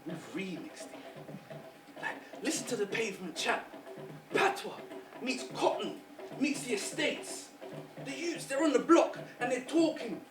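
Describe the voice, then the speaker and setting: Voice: medium pitch, animated, measured pace, pauses often, close to an everyday voice. A performer voicing a sly, ancient trickster spider spirit with a Jamaican accent, in a rhythmic, chuckling spoken-word delivery, heard from a distance in a roomy space over music. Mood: sly boastful.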